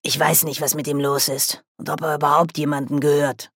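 A woman's voice: deep voice, little pitch movement, a little fast, a bit bright, husky, dry recording, clean studio sound. A woman reading an audiobook, voicing a stern, proud old witch in a curt, commanding way. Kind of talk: audiobook character voice.

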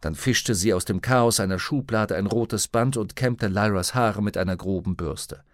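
A man reading a novel aloud as an audiobook narrator, calm and even. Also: fairly low pitch, normal speed, no room sound, clean studio sound. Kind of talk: scripted narration.

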